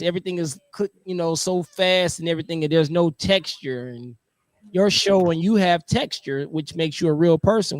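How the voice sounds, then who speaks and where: A man's voice: on the high side, no room sound. A middle-aged man and military veteran, a podcast guest speaking casually and enthusiastically, often repeating phrases for emphasis. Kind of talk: casual chat.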